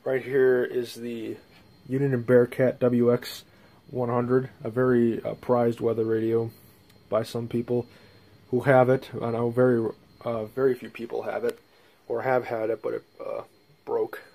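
A hobbyist video presenter films a rambling, off-the-cuff show-and-tell vlog in a small bedroom using a handheld phone camera. His medium-pitched voice is gravelly and dark, with a level tone and an unhurried pace as he casually shows things off.

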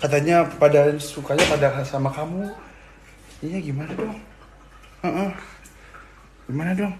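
A man's voice: fairly high pitch, a little slow. A young father, teasing and chatting fondly with his baby in a family vlog. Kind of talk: playful family vlog chat. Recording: loud background noise.

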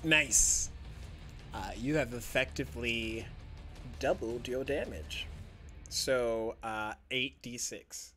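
A man narrating as game master of a tabletop game, describing the action in loose, halting phrases. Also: mid-range voice, pushed and bright, faint music behind.

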